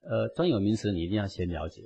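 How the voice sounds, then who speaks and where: A man's voice: lowish voice, expressive, fast talker, gravelly, dark tone, lo-fi sound. A man giving an emphatic, preachy Buddhist radio lecture and acting out quotes along the way. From Taiwan.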